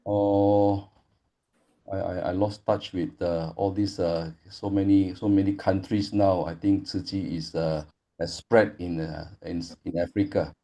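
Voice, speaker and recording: A Malaysian man moderates an online study group over a video call, chatting casually and thanking people warmly. His voice sits low, fairly even and unhurried, sprinkled with frequent "you know" fillers.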